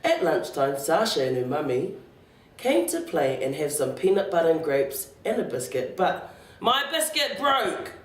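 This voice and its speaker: A woman storyteller reading a children's picture book aloud with expressive, sing-song delivery. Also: deep voice, normal speed. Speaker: library storyteller. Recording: roomy, distant library recording.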